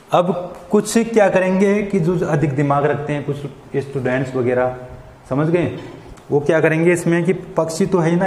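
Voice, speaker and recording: A man's voice: fairly high pitch, a little mellow, reverberant, long reverb tail, slight background noise. A man teaching an English lesson, asking questions and answering them himself, often checking "got it?". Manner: repeats questions and answers them himself, frequent "samajh gaye". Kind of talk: classroom lesson explaining English to Hindi speakers. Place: school classroom.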